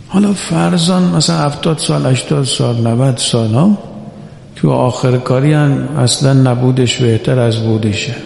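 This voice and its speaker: A man preaching a religious sermon who urges his listeners on and slowly chants quoted scripture. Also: mid-range voice, vocal fry, mellow. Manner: exhorting, quotes Arabic scripture in slow chant. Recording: echoey hall reverb.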